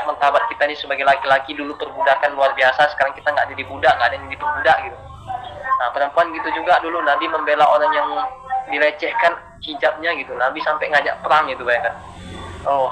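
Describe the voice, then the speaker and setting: A man preaching a casual sermon, earnest and colloquial, dropping in Arabic terms as he talks. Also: on the high side. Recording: noisy recording.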